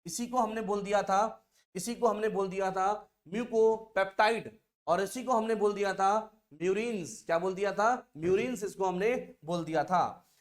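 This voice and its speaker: A man's voice: sits high, normal speed. A man teaching an online science lesson, drilling terms by asking and answering his own questions over and over. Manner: calls listeners "dear children".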